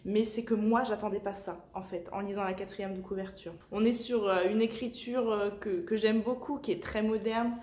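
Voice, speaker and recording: A woman book vlogger, talking casually at home with many filler pauses. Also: medium pitch, steady tone, darkish tone. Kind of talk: casual vlog chat. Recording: echoey room.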